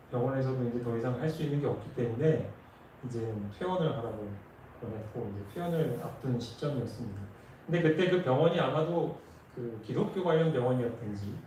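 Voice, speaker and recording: A man's voice: medium pitch, darkish tone, slight background noise. Male preacher, earnest storyteller, heard from a distance with strong church reverb. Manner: earnest storytelling, rising with emotion at key moments. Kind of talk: sermon storytelling. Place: church sanctuary. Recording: echoey church from far off.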